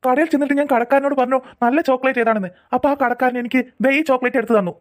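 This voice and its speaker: A woman's voice: high-pitched, fairly even intonation, racing, lightly acted. A woman voicing a flustered father who apologizes and pleads with his daughters and wife in a cartoon. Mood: pleading. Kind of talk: cartoon voice acting.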